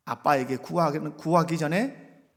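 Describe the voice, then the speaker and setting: Fervent high-voiced male pastor in a reverberant church. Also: normal speed. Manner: conversational, rising to loud fervent exhortation. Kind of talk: sermon. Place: church sanctuary.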